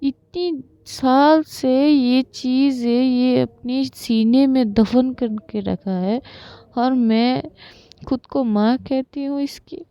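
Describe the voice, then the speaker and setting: A woman's voice: sits high, mellow, smooth, no echo, lo-fi sound, exaggerated voice. A woman voicing a grief-stricken mother who tearfully blames herself. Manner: tearful, self-reproaching.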